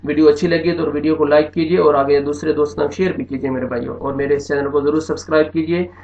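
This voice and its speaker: A male Quran teacher explains reading rules with patient repetition, pausing often to check that his students follow. His voice sits a little high and carries a gravelly rasp. The recording rings in an echoey room and sounds dull and lo-fi. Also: flat delivery, a little mellow. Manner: patient, repeats each rule with frequent check-ins. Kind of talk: recorded online lesson.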